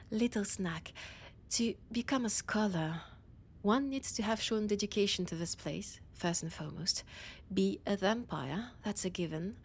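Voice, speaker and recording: Voicing an ancient vampire scholar in an audio roleplay drama, a woman with a French accent speaks slowly and deliberately at a middling pitch, often slipping into a breathy whisper. The character comes across as proud, teasing and predatory, her mood proud and condescending, with a little hiss or hum in the audio.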